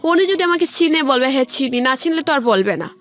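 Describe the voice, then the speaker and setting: Brisk and lively in intonation, a young woman's high, slightly bright voice carries a Bangladeshi accent as she narrates her life in a casual way on radio. She often quotes what people said directly. Background music fills the studio.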